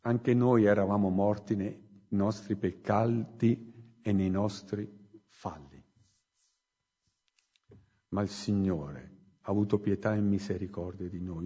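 A man preaching a sermon in a church hall, slow and emphatic, swinging between loud and hushed phrases. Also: on the low side, slightly rough. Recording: muffled recording with long hall reverb.

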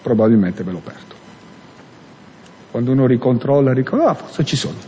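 A man preaching a sermon with earnest, rising and falling emphasis, pausing to search for a verse aloud. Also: medium pitch, expressive, warm tone, slight background noise. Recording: long hall reverb.

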